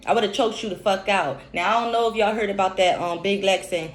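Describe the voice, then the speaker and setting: A woman's voice: medium pitch, a little fast. A woman, giving an unscripted, profane, emphatic reality-TV recap rant. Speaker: recap commentator. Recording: echoey room with faint hiss.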